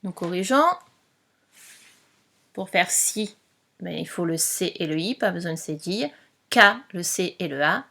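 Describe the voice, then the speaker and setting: A woman teacher giving a slow spelling dictation, patiently spelling out letters one by one. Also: on the low side, gravelly, fairly bright tone.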